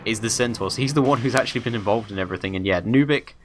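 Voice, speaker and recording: A man's voice: lowish voice, racing. A man casting an esports match, talking through the game in a chatty, rambling way. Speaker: esports commentator. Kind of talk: casual esports commentary.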